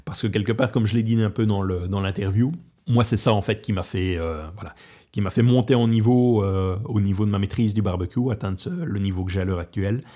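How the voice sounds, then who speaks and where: Un homme originaire de Belgique qui parle de son projet de barbecue dans un podcast décontracté, avec beaucoup d'hésitations et de « euh ». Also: male voice, on the low side, fairly quick, dark tone. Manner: hesitant, many fillers and restarts. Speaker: podcast host and barbecue trainer. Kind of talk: casual podcast talk. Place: Portugal.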